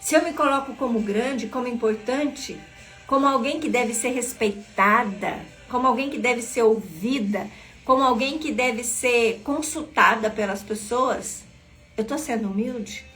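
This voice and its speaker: A woman's voice: a little high, a little slow, fairly bright tone, faint music behind. Earnest woman leading a devotional. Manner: earnest, asks listeners questions directly. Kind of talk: devotional teaching reading from a book.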